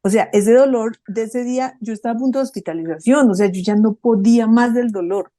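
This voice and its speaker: A middle-aged woman co-hosting a podcast, talking in an animated, emphatic storytelling way. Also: a little high, fairly quick, no room sound. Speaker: podcast co-host. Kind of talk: casual conversational talk.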